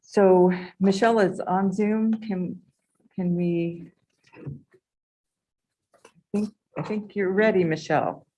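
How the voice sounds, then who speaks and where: A woman chairing a council meeting, moving briskly through motions and votes with small fillers. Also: mid-range voice, steady tone, dark tone, rough recording. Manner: brisk procedural talk with fillers. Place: council chamber.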